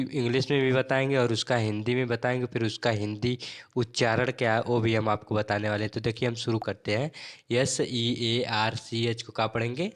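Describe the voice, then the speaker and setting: A man teaching an English lesson, spelling words out letter by letter and asking and answering his own questions in a drilling rhythm. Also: medium pitch. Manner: spells words letter by letter, then repeats them slowly.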